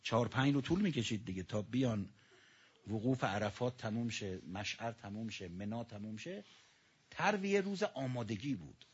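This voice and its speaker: Husky-voiced man preaching with dramatic swings. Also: lowish voice, animated. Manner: dramatic swings between loud and hushed; addresses the audience directly. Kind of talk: sermon with mourning elegy. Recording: dull lo-fi recording.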